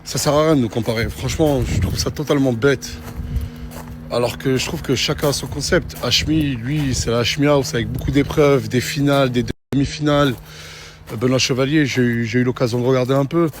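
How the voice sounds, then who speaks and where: A man's voice: medium pitch, brisk. Teasing male vlogger, noisy recording. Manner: teasing, interrogating, repeatedly calls for calm. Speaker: Snapchat influencer host. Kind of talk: casual vlog talk and street questioning.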